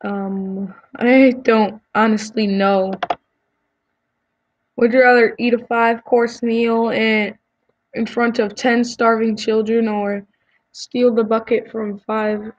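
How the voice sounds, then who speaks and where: A woman's voice: fairly high pitch, level tone, slow pace, muffled recording, a little hiss or hum. A woman YouTuber chatting casually as she answers quiz questions, giving blunt opinions with frequent ums and restarts.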